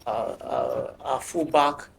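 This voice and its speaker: Gravelly-voiced team captain, halting. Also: male voice, mid-range voice, steady tone, slight background noise. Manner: halting, repeats words often. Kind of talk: interview answers.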